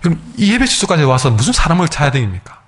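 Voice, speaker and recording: A man's voice: on the high side, sing-song, racing. A male pastor preaching a sermon emphatically, acting out his congregation's words.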